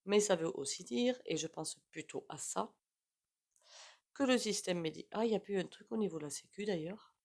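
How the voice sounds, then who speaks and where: A woman's voice: mid-range voice, moderate pace, a little mellow. A woman with a regional French accent giving a casual, rambling tarot reading to her viewers, with frequent "hein" asides. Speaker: tarot reader.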